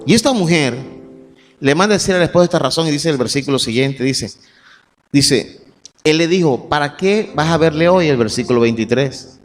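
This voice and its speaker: A man preaching a sermon, reading scripture verses and then building to shouted emphasis. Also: a little high, lively intonation, normal speed. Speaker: pastor. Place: church sanctuary. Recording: long church reverb, faint music.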